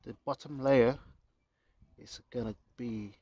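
A man giving a casual how-to narration in his garden, relaxed and chatty with jokey asides, recorded on a handheld phone. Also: medium pitch, takes it slowly, dry recording, dull audio. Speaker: gardening vlogger. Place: home garden, outdoors.

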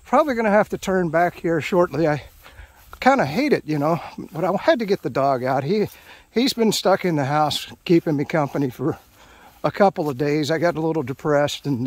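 A middle-aged man with a slightly higher voice rambles chattily as he walks an outdoor trail, narrating his hike to the camera from off-screen. He's a trail vlogger whose casual commentary is full of fillers and restarts. It's a dry recording made on a handheld action camera.

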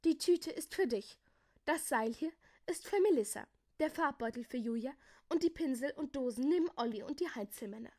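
A woman's voice: a little high, moderate pace, hardly any pauses, a little mellow, close to an everyday voice. A woman voicing Jakobus, a cheerful, kindly old man character, speaking with pleased emphasis in a storybook reading.

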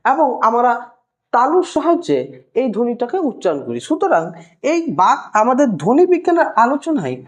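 A woman teaching a language lesson, patient and explaining step by step, repeating key terms slowly. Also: high-pitched, very animated.

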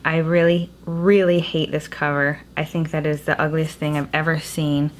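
A deep voice with little pitch movement and a moderate pace belongs to a young woman vlogging about her book haul. The small home room she records in echoes like a cave, and background noise is clearly audible.

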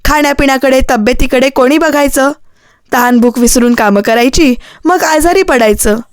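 A woman's voice: sits high, normal speed, clean tone, no echo, clean studio sound, natural voice. Woman voicing a scolding protective young man. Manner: reproachful, scolding questions.

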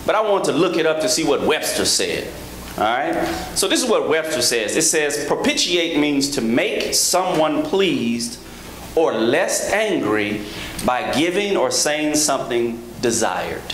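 A man's voice: very animated, measured pace, a bit bright. Man, 30s, preacher, rhythmic emphatic sermon, echoey church sanctuary, noisy background. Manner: rhythmic preaching, rising to high emphatic peaks; joking asides to the congregation. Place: large church sanctuary, at a pulpit. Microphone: handheld microphone.

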